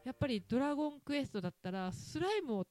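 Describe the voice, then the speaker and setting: A woman's voice: high voice, very animated, very fast, darkish tone, faint music behind. A woman with an Ehime accent hosting a casual talk show, chatty and teasing and laughing often. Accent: Ehime Japanese. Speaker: podcast host talking with her daughter. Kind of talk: casual talk radio chat.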